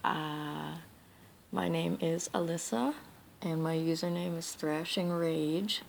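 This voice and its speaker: A woman's voice: sits low, steady tone, slow pace, vocal fry, slight background noise. A young woman from Wisconsin with a Wisconsin accent, sleepy and mumbling as she records a casual accent challenge from bed late at night. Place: bedroom, in bed.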